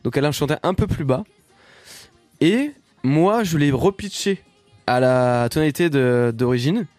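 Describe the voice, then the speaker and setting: A man's voice: a little high, lively intonation, measured pace, darkish tone, no room sound. Male music producer guest, rambling anecdotes, dry close sound. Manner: rambling storyteller, many fillers and restarts. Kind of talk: casual podcast chat.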